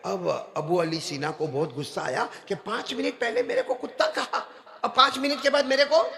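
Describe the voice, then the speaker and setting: A man preacher telling a story in a sermon to a gathering, swinging between shouted lines and low asides and calling on the crowd to respond. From South Asia.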